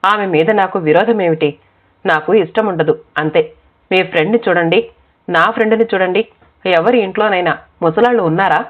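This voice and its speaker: A woman's voice: fairly low pitch, natural voice. A woman voicing a proud young wife who mocks and brushes people off in curt replies, in a spoken storybook. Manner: mocking, curt. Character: sharp-tongued young wife, dismissive and proud. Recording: tinny phone-like sound.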